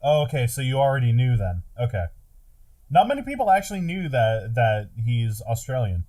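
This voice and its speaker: A man as a podcast guest in casual chat, relaxed and hesitant with many fillers. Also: mid-range voice, normal speed.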